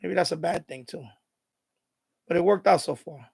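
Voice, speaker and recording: Husky and fried, the voice of a man in his fifties moves at a moderate pace as he chats on a live stream devoted to his radio hobby. He was born in Puerto Rico, raised in the Bronx, speaks with a heavy Bronx accent, and sounds animated, intense and worked up.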